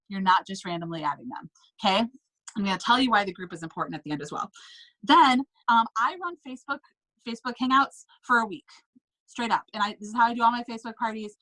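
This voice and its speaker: A woman coaching sellers in a casual, upbeat way, stressing points and checking in with quick tag questions. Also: fairly high pitch, sharp tone, poor audio. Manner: upbeat, emphatic, checks in with "okay?" and "right?". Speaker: direct sales team leader.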